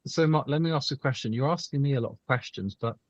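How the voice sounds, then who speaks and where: A man speaking as a guest in a casual live-stream chat, muffled as if talking through a wall, slow and halting with a deadpan manner. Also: mid-range voice, no room sound. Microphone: weak remote microphone. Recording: muffled dull mic, dry.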